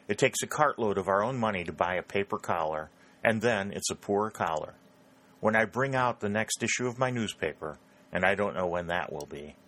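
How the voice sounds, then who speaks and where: A man's voice: low voice, a bit bright. A man reading aloud, voicing a grave and candid male newspaper editor in a storybook reading.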